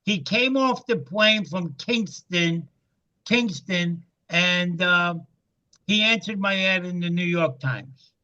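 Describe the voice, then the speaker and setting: A man's voice: sits high, slow pace, muffled recording. A man in his seventies telling a business testimony story, acting out the dialogue he recounts. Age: 70s. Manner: animated storyteller, acts out quoted dialogue. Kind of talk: testimony to a group call.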